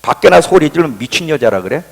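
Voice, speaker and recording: A man pastor preaching a sermon in a church, impassioned and dramatic, swinging from loud cries to hushed near-whispers. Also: fairly high pitch, animated, racing, gravelly. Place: church sanctuary. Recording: long reverb of a church hall.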